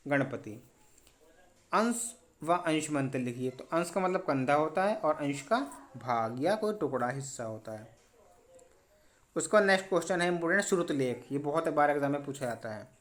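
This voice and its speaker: Brisk man coaching exam questions. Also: fairly high pitch. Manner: brisk, repeats "important" and "ठीक है". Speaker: teacher. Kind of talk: exam revision lesson.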